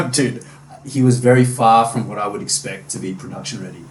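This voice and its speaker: Young Aussie bloke, loose casual podcast host, roomy distant mic with faint noise. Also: male voice, medium pitch, big pitch swings, moderate pace. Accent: Australian. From Australia. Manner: laid-back, swears a lot, many fillers. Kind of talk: casual chat.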